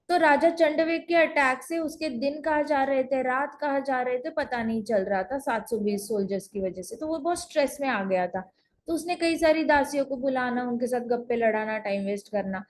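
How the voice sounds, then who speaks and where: A woman teaching at home over an online call, telling a scripture story in a chatty way and repeating phrases for emphasis. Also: high-pitched.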